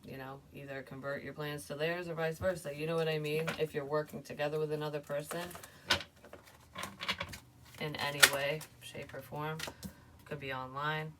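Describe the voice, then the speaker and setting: A woman's voice: deep voice, little pitch movement, normal speed, far from the mic, very noisy. A woman giving a casual tarot reading, talking in a chatty, rambling way full of fillers. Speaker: tarot reader.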